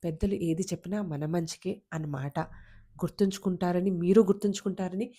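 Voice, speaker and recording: A woman storyteller narrating a children's moral tale in an expressive, conversational way, then speaking directly to parents about its lesson. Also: lowish voice, fairly quick.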